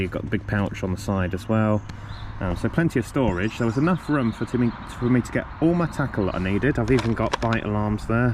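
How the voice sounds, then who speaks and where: Coughing often, a man with a lowish voice vlogs outdoors by the river, casually talking through his fishing gear. He's relaxed and rambling, full of ums and corrections, with clear background noise in the recording.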